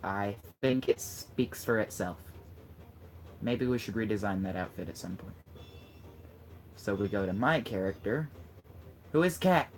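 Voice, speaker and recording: Low-voiced man teasingly coaching a friend. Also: measured pace, long pauses. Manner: teasing, joking, giving tips. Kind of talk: casual let's-play chat. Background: game music.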